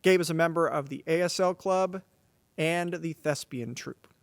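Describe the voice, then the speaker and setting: A man's voice: fairly high pitch, moderate pace, gravelly, clean tone, no room sound. A man giving formal scripted announcements at a school knighting ceremony, addressing the audience from a podium microphone. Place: stage of a large auditorium.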